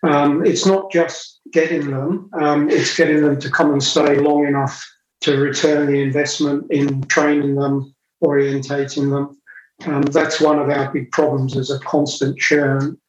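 A psychiatrist from England with a Cockney and Essex accent answers interview questions as a guest, hesitating with lots of fillers and repeated words. His fairly high voice is level in tone and a little slow, captured in a muffled recording with an echoey room.

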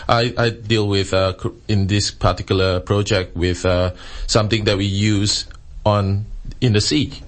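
A man speaking as an expert interview guest, explaining his research in a halting way with frequent pauses and hesitations. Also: fairly low pitch, fairly even intonation.

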